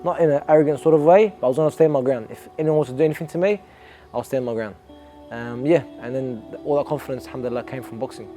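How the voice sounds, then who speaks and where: A man's voice: medium pitch, fairly even intonation, fast, warm tone, faint music behind. A young Australian man, an amateur boxer, talking earnestly and reflectively in a documentary interview, often restarting his sentences.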